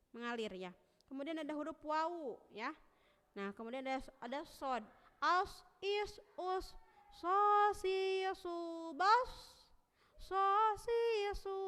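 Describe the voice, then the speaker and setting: Lady teacher w ish drawing out letter sounds over n over, high bright voice, echoey reverb. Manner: sounds out letters slowly and repeatedly, drawn out. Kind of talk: Quran recitation lesson for children.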